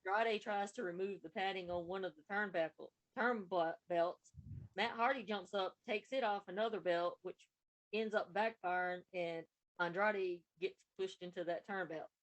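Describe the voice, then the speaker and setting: A woman's voice: medium pitch, moderate pace, poor audio. A woman co-hosting a podcast, recapping wrestling matches in a casual, running play-by-play way. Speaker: podcast co-host.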